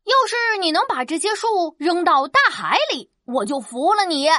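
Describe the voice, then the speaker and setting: A plucky little boy with a scheming streak, as a woman plays him in a storybook telling. The voice is very high and bright, bouncing lively from note to note. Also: moderate pace, no echo, studio quality, heavily acted. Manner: cheeky, scheming. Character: clever little farm boy, plucky and sly.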